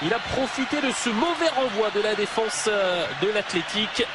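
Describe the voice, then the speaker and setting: Man, excited sports commentary, high pitch, shouted exclamations, lead match caller, very noisy background. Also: moderate pace, over a noisy crowd. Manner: exclaims and shouts on goals and chances. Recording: loud ambient noise behind the voice.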